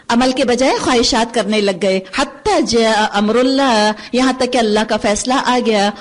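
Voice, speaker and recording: A woman giving a Quran commentary lecture, earnest and full of rhetorical questions, slipping English phrases into her speech. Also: on the high side. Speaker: Quran teacher. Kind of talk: tafseer lecture.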